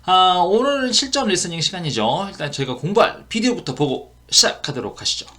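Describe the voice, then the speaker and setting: A man teaching an English listening lesson, with a voice that rises and falls in lively swings. He breaks English lines into single words and says them back slowly before he explains them, and he talks casually with plenty of fillers. Faint keyboard typing sounds in the background. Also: sits high, a little hiss or hum.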